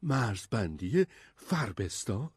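A timid, cautious boy murmurs his doubts in a hesitant voice, as a man puts him on. The storybook voice is husky and recorded close in a dry space. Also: fairly low pitch, very animated, no echo, full character voice.

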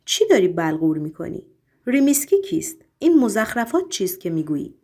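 A woman's voice: mid-range voice, big pitch swings, a little mellow, breathy edge. A commanding male devil, read by a woman narrator speaks with cool disdain. He gives orders and asks pointed questions. This is an audiobook reading. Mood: scornful.

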